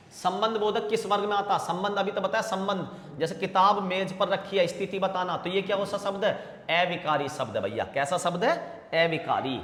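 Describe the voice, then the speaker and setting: A man teaching Hindi grammar for exam prep, repeating answers slowly and calling students bhaiya and beta. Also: high voice, a bit bright, a little hiss or hum. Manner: drawn-out repetition of answers; calls students 'bhaiya' and 'beta'. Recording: echoey room with long reverb.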